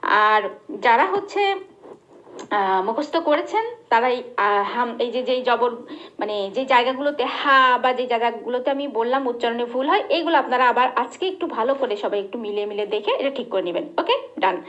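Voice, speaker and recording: A woman teaching a religious lesson, slowly drilling pronunciation and asking her students questions. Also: fairly high pitch, lively intonation, fairly bright tone. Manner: patient, repeats and drills pronunciation, asks the class questions. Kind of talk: slow recitation lesson. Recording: dull lo-fi recording.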